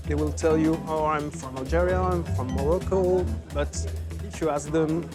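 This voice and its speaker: A man's voice: on the high side, steady tone, normal speed. A man with a French accent giving a casual interview, explaining in simple English and repeating phrases for emphasis. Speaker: filmmaker and sports writer, interviewee. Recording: music behind the talk.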